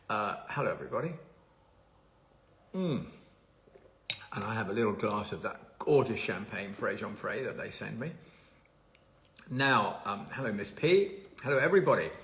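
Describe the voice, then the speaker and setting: A man hosts a casual live stream from his home. His voice is low and gravelly with a bright, forceful edge. He rambles chattily and greets viewers one by one. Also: a little hiss or hum.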